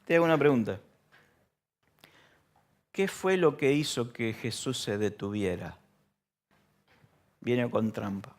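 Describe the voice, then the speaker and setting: Rioplatense pastor preaching conversationally. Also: male voice, medium pitch, slow pace, long pauses. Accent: Rioplatense Spanish. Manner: conversational preaching, asks the congregation questions, acts out shouts. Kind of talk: sermon. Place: church.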